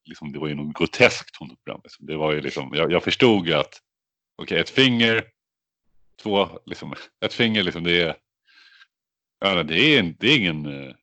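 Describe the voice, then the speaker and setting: Deep-voiced man rambling in dry chat. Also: expressive, pushed and bright, no room sound. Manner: rambling, filler-heavy storytelling. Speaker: podcast co-host. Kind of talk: casual chat.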